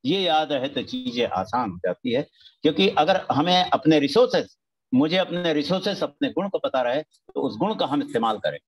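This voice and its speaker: An older man from India gives a spiritual motivational talk with emphatic, repetitive phrasing. He repeats lines like a chant and drops in short English slogans. His voice sits a little on the high side. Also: very animated, normal speed, low-quality recording. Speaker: motivational speaker.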